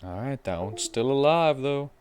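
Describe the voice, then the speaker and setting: A man acting as game master for a tabletop role-playing game narrates the action playfully, acting out combat with sound effects. His voice is medium-pitched, darkish and clean, with lively intonation at a moderate pace. Music plays behind him.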